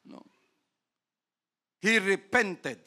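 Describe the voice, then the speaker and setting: A Filipino man preaching as a pastor, animated, asking "no?" after almost every phrase and swinging from soft and low to loud and high. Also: extremely slow. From Philippines. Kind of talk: sermon.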